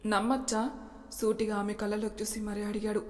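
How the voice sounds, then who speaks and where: Steady female storyteller, mid pitch, reverberant recording. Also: a little fast. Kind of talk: storytelling narration. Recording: long reverb.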